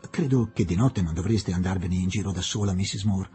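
A man playing an excitable, courteous young doctor who speaks emphatically and earnestly. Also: low voice, a little fast, soft background music, pitched below the performer's own voice, close to an everyday voice.

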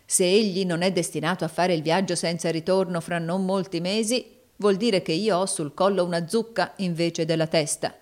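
A woman's voice: lowish voice, steady tone, normal speed, few pauses, natural voice. A woman voicing a hard, scheming older moneylender who speaks with cold contempt.

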